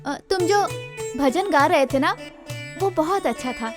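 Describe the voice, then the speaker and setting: A woman's voice: high-pitched, lively intonation, a little slow, over music. A woman voicing a shy, kind unmarried village woman in a dubbed film. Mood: shy gentle.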